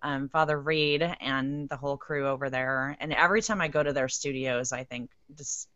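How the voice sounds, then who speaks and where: A woman in her forties or fifties with a Californian accent, chatting bubbly and fast with lots of "like" on a podcast panel. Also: rumbling low, fairly bright tone, no room sound. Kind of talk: casual podcast chat. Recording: dry, slightly dull lo-fi sound.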